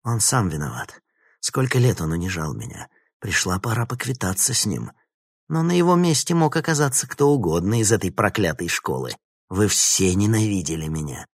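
A man's voice: on the low side, big pitch swings, moderate pace, slightly rough, no room sound, clean studio sound, exaggerated voice. A male narrator voicing a bitter, vengeful young woman villain with a sneering, spiteful manner.

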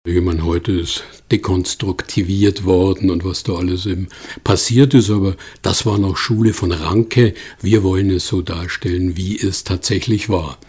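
Male interviewee, very low and husky, talking through his points with conversational pauses. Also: steady tone, darkish tone. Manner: thoughtful, explanatory, with fillers. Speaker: expert guest. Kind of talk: conversational explanation.

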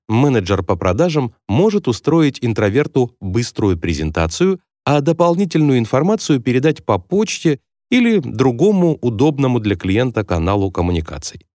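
A man's voice: medium pitch, darkish tone, no room sound, studio quality. A man reading a business advice book aloud as scripted nonfiction narration, in an instructive, evenly paced manner. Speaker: audiobook narrator.

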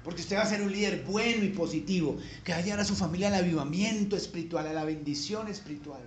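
A man's voice: high voice, fast talker, slight background noise. A man with a Colombian accent preaching a conversational sermon, folksy and joking, building to emphatic peaks. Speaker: pastor. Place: church sanctuary. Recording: echoey church room.

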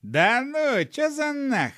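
A man's voice: on the high side, very animated, a little slow, bright, forceful tone, dry recording, studio quality, full character voice. A man voicing a foul-mouthed, hot-tempered male gnome who grumbles and swears constantly in an audiobook. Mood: grumbling. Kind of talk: audiobook character voice.

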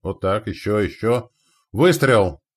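A man reading a story voicing a young male crossbowman who shouts orders in battle. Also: fairly low pitch, expressive, takes it slowly. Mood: shouting orders. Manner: shouted commands.

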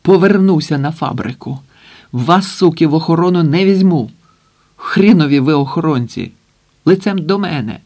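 A man voicing a furious, gleeful armed man who shouts coarse commands in an audiobook. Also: a little high, animated, moderate pace, voice pushed up. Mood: furious shouting.

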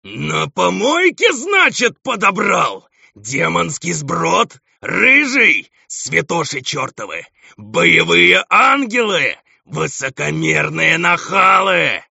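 A man reading an audiobook, voicing a hot-tempered red-haired demon lord with a gravelly voice. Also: a bass voice, expressive, a little fast, no room sound, exaggerated voice. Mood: furious. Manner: furious ranting. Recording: dull lo-fi audio.

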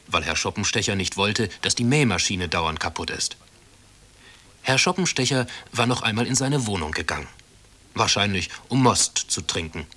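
A man reading a children's story aloud in calm, measured school-radio narration. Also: on the low side. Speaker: reader.

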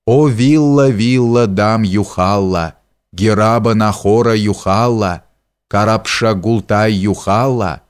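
A man voicing a wild old male sorcerer who mutters and howls strange incantations in a hoarse voice. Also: fairly low pitch, slow pace. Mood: howling.

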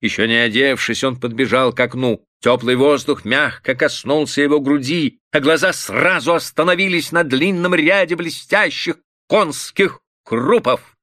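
Male audiobook narrator, expressive, bright crisp voice, dry close mic. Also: mid-range voice, moderate pace, no room sound. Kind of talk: scripted narration of a literary story.

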